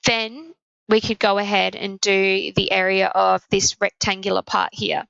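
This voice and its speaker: Brief: croaky female maths teacher, bright voice, working sums out aloud step by step, dry close sound. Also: medium pitch, fairly even intonation, a little slow, no echo, muffled recording. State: croaky, sore throat. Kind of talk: maths lesson explanation.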